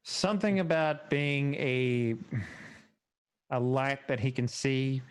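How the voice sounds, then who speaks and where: A man's voice: medium pitch, slow pace, smooth. A man playing a tabletop role-playing game, chatting casually in character with a tentative, polite manner. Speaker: tabletop role-play player.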